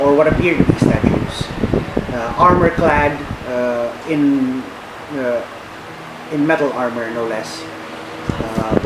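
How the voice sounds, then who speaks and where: A man improvising narration as game master of a tabletop game, halting often as he searches for words. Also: fairly high pitch. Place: echoey room. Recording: roomy, distant mic, loud background hum.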